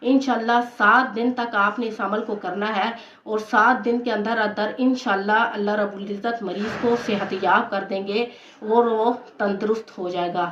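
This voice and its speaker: A woman gives devotional instruction as a religious teacher. She speaks at a middling pitch and explains in a steady, patient way, going over key points again and again. The recording is roomy and muffled. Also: moderate pace, slight background noise. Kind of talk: devotional instruction on prayer recitations.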